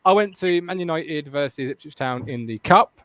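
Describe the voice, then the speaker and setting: English guy hosting a fan podcast, kinda high voice, jokes around a lot, dry close sound. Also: expressive, moderate pace, fairly bright tone, no echo. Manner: jokey, laughs often, tells anecdotes. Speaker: podcast host. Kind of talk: casual fan podcast chat.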